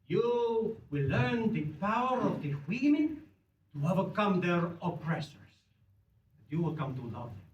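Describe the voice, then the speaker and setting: An actor with a Spanish accent playing a flirtatious, cheeky gentleman in a live theatre, teasing the audience in broken English. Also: high voice, muffled recording. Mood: playful. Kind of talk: stage performance with audience interaction. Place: theatre auditorium. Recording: roomy theatre recording from far off, with hall noise.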